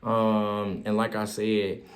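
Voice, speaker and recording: A man's voice: level tone, slow pace. A man hosting his own show, giving casual political commentary in a loose, joking way and laughing often. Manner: loose, joking, laughs often, swings up high when mocking. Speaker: show host.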